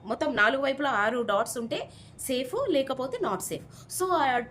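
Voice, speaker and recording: A woman giving a casual, chatty recap of a reality show episode, retelling it in an animated way. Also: high-pitched, unhurried, slight background noise.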